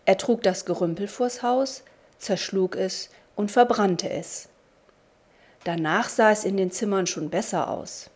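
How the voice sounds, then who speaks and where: A woman reading a devotional story aloud in a slow, deliberate storybook manner. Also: mid-range voice. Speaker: narrator.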